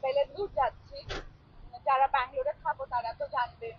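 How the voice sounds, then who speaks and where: A woman's voice: high-pitched, fairly even intonation, quick pace. A woman vlogging in casual chat from a vehicle stuck in traffic, rambling with many fillers. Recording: muffled with loud traffic noise.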